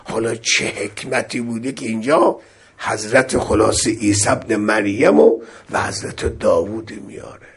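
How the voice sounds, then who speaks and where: A man preaching a sermon, swinging between loud exclamations and soft recitation of scripture. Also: lowish voice, gravelly, breathy edge.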